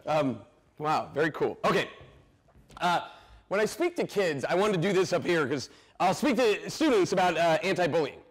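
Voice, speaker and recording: A man giving an animated, energetic masterclass talk to film students, loud and full of stammered restarts and quick laughs. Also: on the high side, slightly rough. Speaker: guest speaker at a film school masterclass. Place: stage in a school hall.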